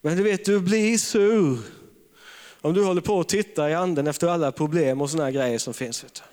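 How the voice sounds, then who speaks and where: A man's voice: a little high, darkish tone. A man preaching a charismatic sermon, telling stories with humor and frequent laughter. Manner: humorous storytelling, laughs often. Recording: long reverb of a large hall.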